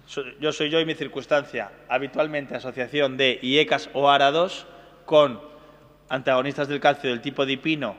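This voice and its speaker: A man teaching a brisk exam-prep medical lecture, often checking in with his listeners. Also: mid-range voice, fairly even intonation, fairly bright tone. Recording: hall reverb.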